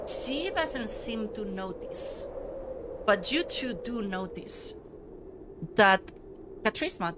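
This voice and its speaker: A woman game master narrating a tabletop game in a relaxed way, with chatty fillers. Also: medium pitch, background noise.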